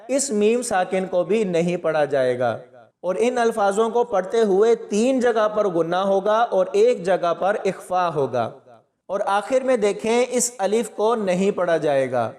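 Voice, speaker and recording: A man's voice: high-pitched, a little mellow, long reverb tail. A man teaching Quran recitation, explaining pronunciation patiently and methodically, step by step. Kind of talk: step-by-step tajweed lesson.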